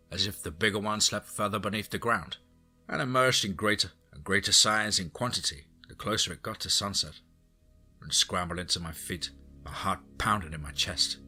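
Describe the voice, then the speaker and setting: A man's voice: sits low, slightly rough. A man narrating a first-person horror story in a dramatic, suspenseful way. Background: soft background music.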